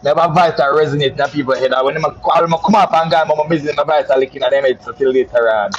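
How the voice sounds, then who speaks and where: This Jamaican man's voice sits a little high and moves at a quick pace through a casual patois tale. A flamboyant, bragging social media personality, he addresses listeners as "my love," and the sound is lo-fi.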